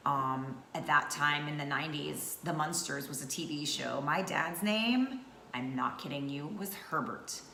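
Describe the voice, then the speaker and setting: A woman's voice: low-pitched, measured pace, vocal fry, pushed and bright. A woman in her thirties from North Georgia, chatting casually to camera as a vlogger with many fillers. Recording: echoey room with faint noise.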